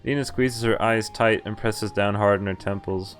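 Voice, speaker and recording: A man with a fairly low, steady voice streams a game at a moderate pace, casually reading its story text aloud. He stumbles over the odd word and breaks off to comment, with game music and sound effects in the background.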